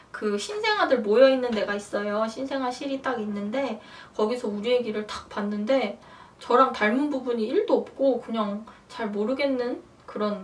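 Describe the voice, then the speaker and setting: A young woman tells a personal story in a relaxed, chatty vlog. Her voice sits a little high and she acts out her own past lines with animated bursts. The recording has her a bit away from the microphone. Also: recorded from a distance. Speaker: vlogger. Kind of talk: casual storytelling to camera.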